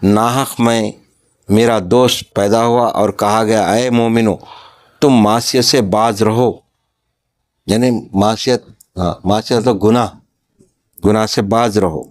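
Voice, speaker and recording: A man's voice: fairly low pitch, fairly even intonation, pauses often. A man with a Pakistani Urdu accent, reading a religious story aloud and stopping to explain each passage in plain words.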